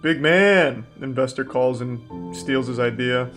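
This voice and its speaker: A man's voice: medium pitch, slow, a bit bright, soft background music. A man streaming live through a headset mic, giving dry, sardonic reaction commentary. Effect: livestream headset mic audio.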